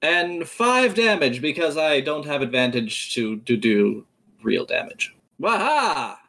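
Tabletop player, middle-pitched voice, casual chat with playful in-character turns. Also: expressive, unhurried, fairly bright tone.

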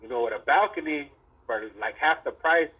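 A man's voice: a little high, lively intonation, normal speed, slightly rough. A man chatting casually like a frat bro, in loose slang with heavy swearing. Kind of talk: casual chat. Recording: tinny, narrow phone-like sound.

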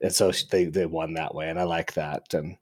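A man co-hosting a casual book discussion podcast, retelling scenes with lively energy and acting out the characters' lines. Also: very deep voice, brisk. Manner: animated storyteller, acts out characters' lines. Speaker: book club podcast co-host. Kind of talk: casual chat.

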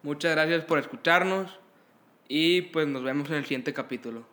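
A man's voice: on the high side, normal speed, a bit bright, echoey room, slight background noise. A man with a Mexican Spanish accent, hosting a casual chat and answering with short slangy remarks. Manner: brief slangy backchannel replies. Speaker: podcast host.

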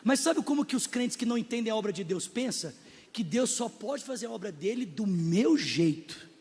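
A male pastor with a Brazilian accent preaching a sermon, emphatic and joking, rising to shouts at high points. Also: expressive, normal speed, husky. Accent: Brazilian Portuguese. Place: church hall. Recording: long reverb in a large hall.

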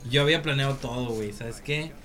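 A man's voice: medium pitch, quick pace, over a noisy crowd. A young man with a Mexican accent, joking and telling a story in slangy chat. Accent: Mexican Spanish. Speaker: podcast co-host.

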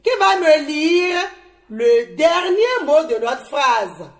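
A woman teaching young pupils on a televised lesson, speaking slowly and encouragingly in a studio classroom. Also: high voice, big pitch swings. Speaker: primary school teacher.

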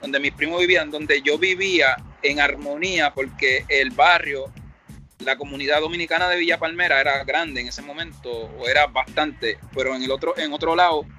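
A man's voice: a little high, moderate pace, bright, forceful tone, soft background music. A middle-aged man with a Puerto Rican Spanish accent, a rapper telling his story in a casual interview, rambling and reflective, acting out the dialogue he quotes. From Puerto Rico.

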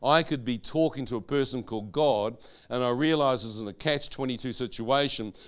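A man's voice: mid-range voice, moderate pace, clear, resonant tone. A man preaching a sermon testimony, telling his story and quizzing the audience with questions.

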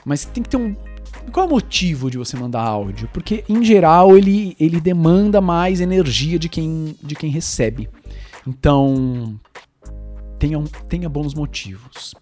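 A man's voice: fairly high pitch, lively intonation, moderate pace, dark tone, faint music behind. A man giving casual advice as a podcast host, emphatic and full of rhetorical questions and playful sound effects.

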